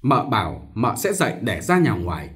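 A man narrating a short story as an audiobook reading, in an expressive storytelling manner. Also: on the low side, moderate pace.

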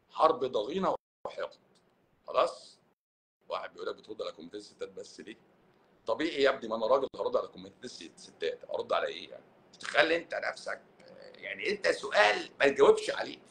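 A middle-aged man with an Egyptian Arabic accent, a doctor talking in a casual, sarcastic live-stream monologue. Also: a little high. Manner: sarcastic, mocking, animated.

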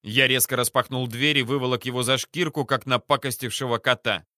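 A man reading a first-person novel aloud in a calm, measured way, with menacing understatement. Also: medium pitch, dry recording, clean studio sound. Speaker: audiobook narrator. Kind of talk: scripted first-person audiobook narration.

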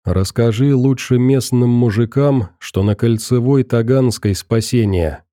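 A man's voice: medium pitch, unhurried, warm tone, no echo, studio quality, natural voice. A man voicing a plain-spoken, determined male survivor who urges others bluntly. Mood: urging.

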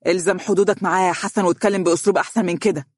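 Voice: medium pitch, fairly even intonation, racing, a little mellow, husky, no echo, studio quality, lightly acted. Narrator doing a stern principled young man. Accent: Egyptian Arabic.

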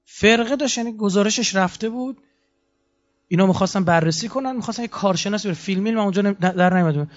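A man lectures to an audience in a story-telling way. His voice sits a little high, and he acts out the quotes with lively swings. The recording is muffled and lo-fi. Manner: animated storytelling with acted-out quotes. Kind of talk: anecdotal lecture. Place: lecture hall.

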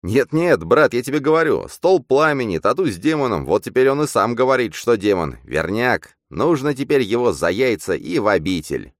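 A man voicing a brash, excitable young male phantom double who talks in bossy slang. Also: medium pitch, moderate pace, hardly any pauses, no echo, clean studio sound, voice pushed up, close to an everyday voice. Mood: excited.

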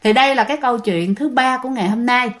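A woman's voice: fairly high pitch, fast talker, fairly bright tone. A woman with a Southern Vietnamese accent telling ghost stories in a chatty way, often repeating herself and speaking directly to listeners. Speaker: storyteller host. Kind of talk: casual ghost story telling.

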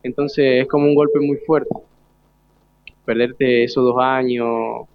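A teenage student of about 17 with an Argentine accent shares his experiences as a guest in a casual interview, telling stories in an informal, youthful way. His mid-range voice is fairly even and slow, heard through tinny, phone-like live broadcast sound.

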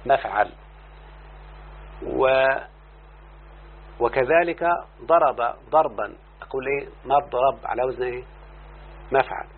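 Egyptian male teacher, mid-pitched, drills a student with questions, lo-fi tinny tape with hum. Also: unhurried, long pauses, slightly rough. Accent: Egyptian Arabic. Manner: checks understanding with constant questions to the student. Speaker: teacher of Arabic morphology. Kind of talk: classroom lesson. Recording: tinny lo-fi recording with faint hum.

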